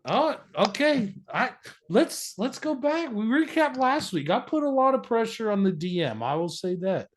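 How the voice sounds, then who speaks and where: A man's voice: very high-pitched, very animated, normal speed, slight background noise. A young man co-hosting a casual podcast chat with his brothers, playful and jokey. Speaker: podcast co-host.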